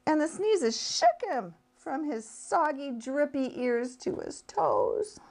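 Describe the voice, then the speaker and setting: Picture-book reader, woman, slow and melodic, fairly high voice. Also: creaky. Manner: expressive, sing-song storytelling. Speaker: speech-language pathologist reading aloud. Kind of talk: children's picture-book read-aloud.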